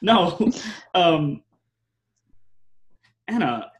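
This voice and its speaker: A man's voice: sits high, very animated, very slow. A young man hosting a casual podcast, rambling with many fillers and restarts and using slang like "yo" and "y'all". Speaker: podcast host.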